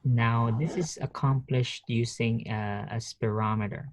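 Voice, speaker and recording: A man giving an online nursing lecture through a headset mic on a video call, speaking haltingly with many fillers and restarts. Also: mid-range voice, steady tone, no room sound. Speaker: nursing professor. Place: office.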